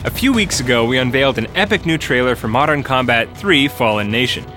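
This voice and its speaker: A man's voice: mid-range voice, a little fast, over music. A young man co-hosting a gaming podcast, joking around with a goofy, sing-song swagger. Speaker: podcast co-host. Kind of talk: playful gaming podcast banter.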